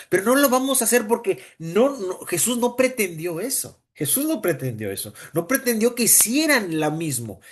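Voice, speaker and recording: Lively priest teaching. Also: male voice, high-pitched. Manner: animated, acts out voices, frequent repetitions. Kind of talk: informal teaching talk.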